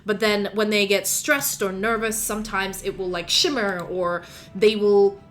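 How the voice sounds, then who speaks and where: A woman's voice: mid-range voice, steady tone, measured pace, fairly bright tone, faint music behind. A woman narrating as game master, rambling through lore with lots of fillers.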